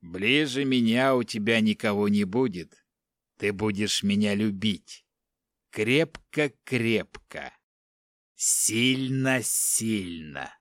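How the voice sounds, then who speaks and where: A man voicing a calm, menacing male captor in a monk's cassock, speaking slowly in a low voice. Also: no room sound, studio quality. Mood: cold taunting. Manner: slow, measured, low-voiced.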